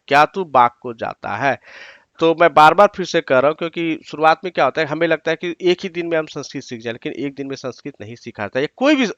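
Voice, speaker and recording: Male teacher, higher pitch, dry close sound; slows down for each example sentence, explains word by word. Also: a bit bright, dry recording. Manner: explains word by word, repeats often. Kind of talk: online exam-prep lesson.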